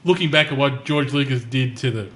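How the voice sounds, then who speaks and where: A man co-hosting a podcast, ranting in casual chat with animated restarts. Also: medium pitch, fairly quick, slight background noise. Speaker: podcast co-host.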